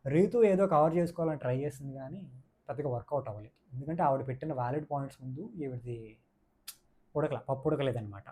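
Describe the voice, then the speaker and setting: A man's voice: mid-range voice, quick pace, warm tone, husky. A man giving a casual, opinionated review of a reality show, mixing in English words and repeating his points for emphasis. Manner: mixes English words into speech.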